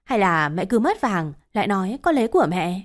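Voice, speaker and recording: A woman's voice: mid-range voice, big pitch swings, brisk, close to an everyday voice. Woman reading a cold, defiant young wife. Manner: firm, cold retorts.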